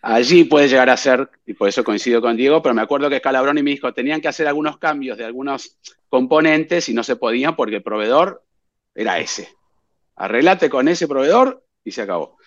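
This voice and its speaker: Podcast co-host, male, animated anecdotes, mid pitch, dull close dry recording. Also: a little fast, no echo. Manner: animated storyteller, chuckles often, fillers like eh. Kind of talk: casual chat.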